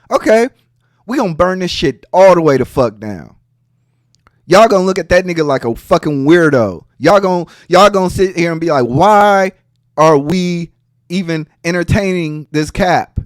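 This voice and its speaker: High-voiced mocking man, dry close sound. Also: no room sound. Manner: animated, profane, mocking. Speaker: podcast host. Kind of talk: heated casual commentary.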